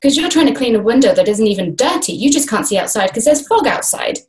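A guest speaker in her thirties chats casually and animatedly on a laptop video call from a small room, gesturing broadly with both hands. Her voice is a little high and she talks fast. The sound comes through the laptop's webcam microphone.

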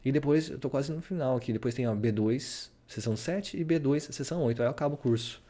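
This vlogger from Brazil has a warm, mid-range voice and talks fairly quickly, describing his study routine casually during a screen share. He rambles, with "né?" tagged onto many sentences.

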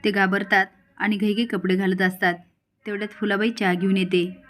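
A woman recounts a TV serial episode in a casual storytelling voice. She moves briskly from scene to scene. Her pitch sits in an ordinary middle range. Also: flat delivery, fairly bright tone. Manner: brisk storytelling, reads characters' lines without much acting. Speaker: TV serial recap narrator. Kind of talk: casual episode recap narration.

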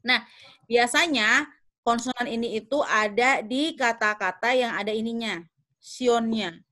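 A woman's voice: on the high side, measured pace, bright, forceful tone. Young woman teaching, checking understanding. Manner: patient, checks understanding often; thinks aloud with fillers and self-corrections. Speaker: English teacher. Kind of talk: online class explanation.

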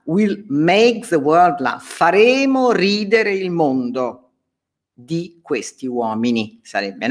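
A woman teacher works through an English story line by line. She reads and explains at an unhurried pace, and her pitch rises and falls freely. Short pauses and restarts break up her explanations. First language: Italian. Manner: slow, explaining line by line, with hesitations. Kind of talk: reading and translating a story in a lesson.

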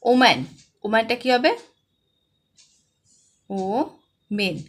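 A woman's voice: fairly high pitch, slow, a bit bright. A woman with a West Bengal accent teaching an English lesson to young children, posing questions and answering them herself. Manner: asks pupils questions and answers them herself, stresses each word. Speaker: primary school English tutor.

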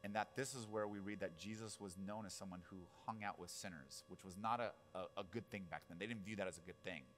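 A man's voice: low-pitched, quick pace, fairly bright tone, soft background music. Man preaching in a chatty storytelling way. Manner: casual storytelling with asides and audience questions. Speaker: pastor. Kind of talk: conversational sermon.

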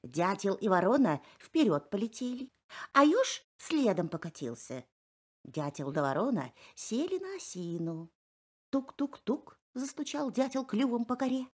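Woman, bedtime storyteller, slow, lively swooping intonation. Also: fairly high pitch, husky. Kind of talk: bedtime fairy tale reading.

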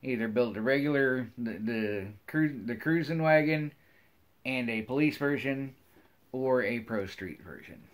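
Speaking a little slowly at a medium pitch, a middle-aged American man vlogs about his hobby to viewers, chatting casually, rambling folksily and often repeating phrases. He's indoors, in a wood-paneled room at home.

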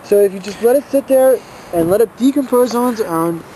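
A young man working at a plant nursery, explaining evergreen care outdoors in an unhurried, explanatory way. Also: sits high, lively intonation, mellow, poor audio. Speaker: nursery worker. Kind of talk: outdoor product demo and tips. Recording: outdoor camera audio with clear background noise.

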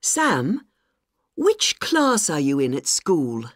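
A woman's voice: low voice, wildly swooping pitch, slow pace, no echo, studio quality, full character voice. A woman acting a kindly adult questioning a child in careful, stilted textbook dialogue. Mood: interested.

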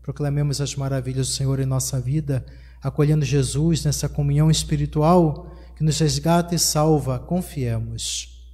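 A middle-aged man with a Brazilian Portuguese accent, a priest leading Mass from the altar in a small chapel and speaking into a stand mic, with measured, slow liturgical prayers. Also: on the high side, steady tone, mellow. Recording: reverberant chapel sound.

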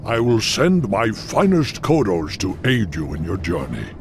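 Cairn, slow deep old bull-man chief. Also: huge pitch swings, creaky, background noise, exaggerated voice. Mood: solemn. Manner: slow, solemn, formal speech. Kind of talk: fantasy video game acting.

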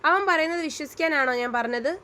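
A woman's voice: sits high, fast talker, bright, forceful tone. A woman voicing a hurt, jealous young man who accuses harshly in a read-aloud romance story. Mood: angry.

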